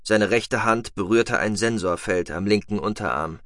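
A man narrating a science-fiction audiobook in an expressive, dramatic storytelling style, close to the mic. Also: lowish voice, moderate pace, no room sound.

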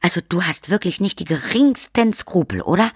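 A man's voice: high voice, expressive, normal speed, slightly rough, no echo, clean studio sound, voice pushed up, exaggerated voice. A man voicing a sullen young woman who speaks with sulky indignation. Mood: indignant.

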